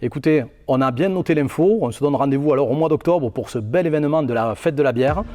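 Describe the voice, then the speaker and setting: Male presenter, smooth anchor voice, a bit high and mellow, faint music in the back. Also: fast talker. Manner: polished anchor-style delivery. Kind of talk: mock broadcast presenting.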